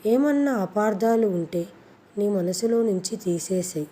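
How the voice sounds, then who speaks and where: Angry young husband, insistent, loud raised voice, dark mellow tone, a woman reading him aloud. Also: medium pitch, expressive, unhurried, lightly acted. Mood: demanding.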